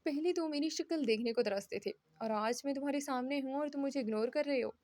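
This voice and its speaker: A woman's voice: high-pitched, fast talker, darkish tone, no echo, close to an everyday voice. A woman reading as a taunting young woman. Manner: taunting, needling. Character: brash young woman, a scheming former sweetheart. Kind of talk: storybook reading.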